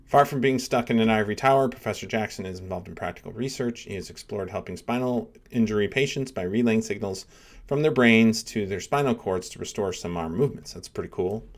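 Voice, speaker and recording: Man, middle-aged, low voice, casual live commentary, rambling, many fillers. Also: brisk. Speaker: livestream host, neuroscience professor.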